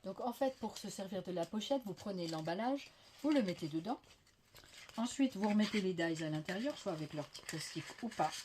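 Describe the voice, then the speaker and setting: Gushing over her crafting haul, a French woman shows off her finds in a casual vlog, using plenty of fillers. Her mid-range voice is a little mellow, with lively intonation and a fairly quick pace, and a lingering cough leaves it slightly veiled. Faint dish clatter and a little hiss or hum sit underneath.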